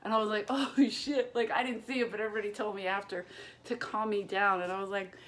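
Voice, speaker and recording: Profane, animated woman telling a story. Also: mid-range voice, fast talker. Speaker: stand-up comedian. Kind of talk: casual storytelling to camera. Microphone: camera propped on boxes and books.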